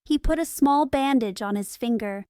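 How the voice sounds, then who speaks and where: A woman narrating a story in clear, steady, simple storytelling for English learners, on a close studio microphone. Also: a little high, moderate pace, dry recording. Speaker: audiobook narrator.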